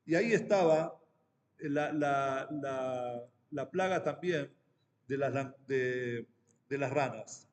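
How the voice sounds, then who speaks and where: A rabbi with an Argentine accent giving a Torah class, talking in a halting way with many restarts and fillers. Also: male voice, medium pitch, long reverb tail. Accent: Argentine Spanish.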